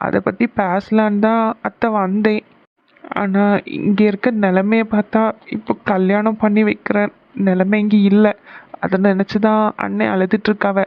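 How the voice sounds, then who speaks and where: A woman's voice: medium pitch, little pitch movement, normal speed, muffled recording, slight background noise, close to an everyday voice. A woman voicing a caring middle-aged aunt in a cartoon family serial, explaining and coaxing.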